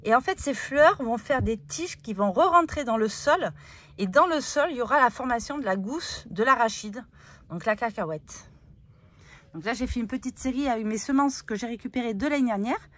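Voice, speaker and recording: A woman's voice: fairly high pitch, lively intonation, normal speed, fairly bright tone. A woman giving a chatty, explanatory walkthrough of her vegetable garden outdoors, with frequent fillers. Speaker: gardening vlogger.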